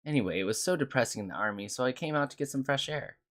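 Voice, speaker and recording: In a lightly acted game-dialogue reading, a man plays a short-tempered young female technical consultant, grumpy and snappish, complaining and then apologetic. His medium-pitched voice is animated, racing and a bit bright.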